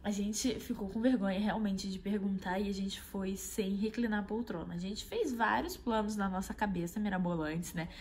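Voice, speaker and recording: A woman's voice: mid-range voice, moderate pace, few pauses, slight background noise. Chatty Brazilian woman telling a travel story. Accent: Brazilian Portuguese. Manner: animated, addresses viewers as "gente". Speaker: travel vlogger. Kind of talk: casual storytelling.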